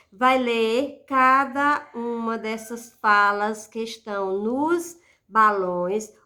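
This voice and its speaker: A woman's voice: a little high, pushed and bright. A woman teacher giving a lesson, speaking patiently and stretching out syllables as she sounds out words. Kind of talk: recorded classroom lesson.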